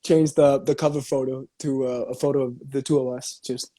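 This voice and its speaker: Actor, mellow dark tone, playful rambling live-stream banter. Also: male voice, medium pitch, little pitch movement, fairly quick, slightly rough. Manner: playful, rambling, often laughing. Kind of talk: casual joking chat.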